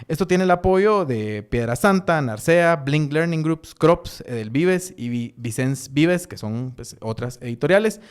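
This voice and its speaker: A man reading a sponsor message at a steady pace. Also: on the high side, measured pace, hardly any pauses, clean tone. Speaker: sponsor announcer.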